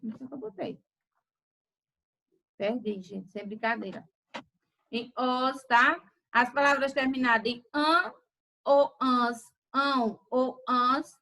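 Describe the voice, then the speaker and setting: A woman teacher, slowly dictating words in a grammar lesson. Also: high voice, bright, forceful tone, rough recording. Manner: slow, deliberate word-by-word dictation.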